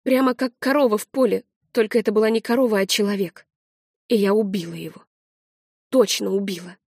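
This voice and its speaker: A woman narrating an audiobook in the first person with a measured, quietly tense delivery. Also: medium pitch, fairly even intonation, dry recording, clean studio sound.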